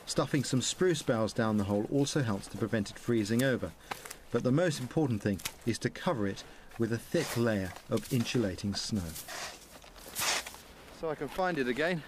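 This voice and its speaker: Calm English man explaining outdoors. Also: mid-range voice, moderate pace, a little hiss or hum. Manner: calm, explanatory, enthusiastic about nature. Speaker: wilderness presenter. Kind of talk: documentary narration and outdoor explanation. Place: snowy forest outdoors.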